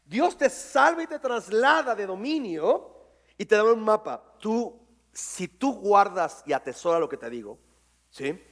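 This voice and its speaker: A man preaching a sermon to his congregation, lively and jokey, quizzing people on verses. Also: sits high, a little slow. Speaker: pastor. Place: church hall with congregation.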